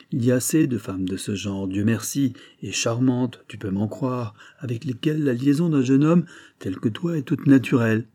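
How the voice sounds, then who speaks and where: A man's voice: medium pitch, warm tone, dry recording, studio quality, close to an everyday voice. A man voicing a vain, blustering older banker who lectures his son in a familiar, exasperated tone. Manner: familiar, then scolding and exasperated.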